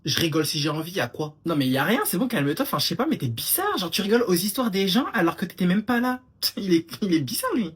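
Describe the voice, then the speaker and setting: A man's voice: sits high, sing-song, fast, fairly bright tone, husky, faint music behind. A young man with an effeminate voice, performing a comedy sketch, sassy and exasperated.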